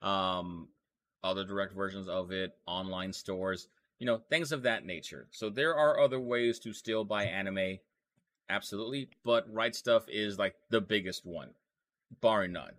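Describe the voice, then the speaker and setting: Bright-voiced chatty male podcast host. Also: low voice, unhurried. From Texas. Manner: rambling, lots of fillers and restarts. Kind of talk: casual anime news chat.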